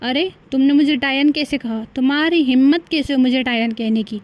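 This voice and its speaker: Quarrelsome young cartoon wife, voiced by a woman: indignant, bickering, higher pitch. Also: moderate pace, muffled recording, close to an everyday voice.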